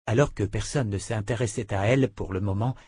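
A man narrating an audiobook with a husky, breathy voice in a steady, dramatic reading. It is recorded close in a dry room. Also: fairly low pitch, fairly quick, dry recording.

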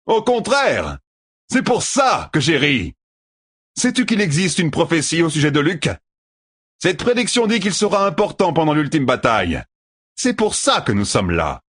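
A man voicing an arrogant, ruthless male killer who shouts and taunts in an audiobook. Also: on the high side, huge pitch swings, normal speed, breathy edge, pitched above the performer's own voice, exaggerated voice. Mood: taunting. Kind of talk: audiobook character voice.

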